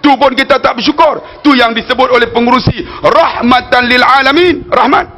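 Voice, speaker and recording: High-voiced preacher man, northern Malaysian accent. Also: a little fast, pushed and bright. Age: 40s. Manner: storytelling, keeps addressing the audience as "tuan-tuan"; jokey asides to the crowd. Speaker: religious preacher. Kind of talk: religious lecture.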